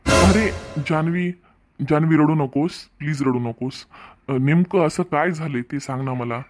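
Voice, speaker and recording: A man's voice: on the high side, moderate pace, music in the background, lightly acted. A man voicing an insistent, earnest young married man in a cartoon story, with a Marathwada Marathi accent. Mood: soothing. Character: married young man, pushy then apologetic lover.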